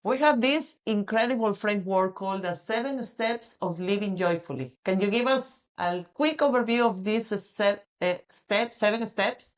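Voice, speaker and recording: A woman's voice: medium pitch, normal speed, hardly any pauses. A woman from Peru, a podcast host, asks questions and affirms her guest, with small restarts in her sentences. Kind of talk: podcast interview.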